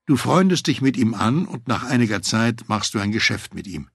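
An excited, persuasive FBI agent in an audiobook, as the male reader puts him on. He talks eagerly, a bit higher and louder than the narration, with a husky, gravelly edge and a dry, close sound. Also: moderate pace, no echo.

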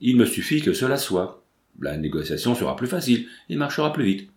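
Bold, quick-witted young woman, read by a man. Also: medium pitch, big pitch swings, reverberant. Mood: eager. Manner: eager, pressing questions. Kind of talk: audiobook dialogue reading.

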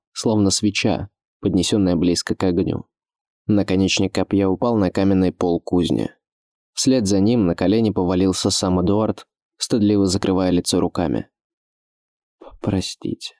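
A man narrating an audiobook in a measured, expressive literary reading. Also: sits low, no room sound, clean studio sound.

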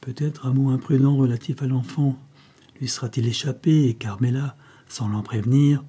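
A man's voice: mid-range voice, fairly even intonation, moderate pace, dark tone, husky, close to an everyday voice. A man reading the part of a scheming older male gang chief who gives menacing commands. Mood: brooding.

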